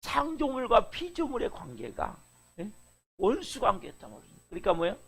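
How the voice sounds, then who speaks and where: A man's voice: extremely high pitch, huge pitch swings, brisk, creaky, fairly bright tone, breathy edge. A middle-aged male pastor preaching a dawn sermon, asking rhetorical questions and repeating key words for emphasis.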